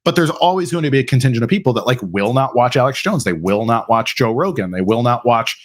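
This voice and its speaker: A man's voice: mid-range voice, animated, quick pace. A man hosting a live question-and-answer stream, talking casually with lots of fillers and restarts. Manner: casual, filler-heavy, mock-quotes opponents. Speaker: host. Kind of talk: livestreamed Q&A.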